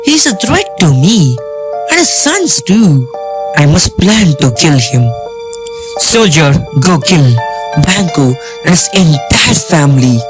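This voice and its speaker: A woman's voice: sits low, sing-song, slow, over music, heavily acted. A woman acting a fearful, commanding usurper king in an amateur stage drama.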